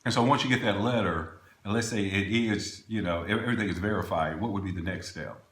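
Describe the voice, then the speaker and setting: A man's voice: on the low side, quick pace, a bit bright. A man interviewing casually, asking questions and summing up the answers in simple steps. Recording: echoey room.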